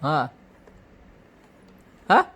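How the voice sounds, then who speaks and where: A man in his thirties, a father and vlog host, gently and playfully questioning his small daughter in a casual home video. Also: drawn-out words.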